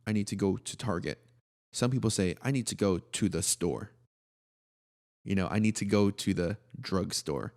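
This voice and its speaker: A man speaks at a moderate pace in a deep, darkish-toned voice, co-hosting a podcast. It's a casual chat, and he's relaxed, joking, and slangy throughout.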